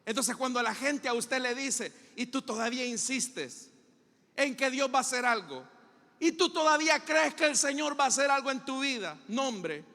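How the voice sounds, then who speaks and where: A man's voice: very high-pitched, expressive, moderate pace, vocal fry, bright, forceful tone, big-room sound. A male pastor with a Salvadoran accent preaching a dramatic sermon in a church, full of rhetorical questions and acted-out scenes.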